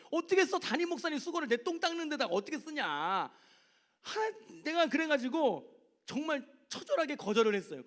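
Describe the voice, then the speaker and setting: A man, a youth pastor, preaching to teenagers in a church service, telling personal stories and putting questions to them. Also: extremely high pitch. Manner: animated, asks the teens direct questions. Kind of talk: youth sermon with personal storytelling.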